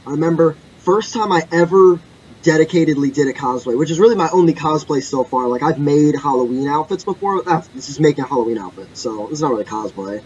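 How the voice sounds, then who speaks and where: A man's voice: fairly high pitch, lively intonation, quick pace, a little mellow. A young man co-hosting a casual podcast, rambling through a story and correcting himself as he goes. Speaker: podcast co-host. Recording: muffled lo-fi mic with faint background noise.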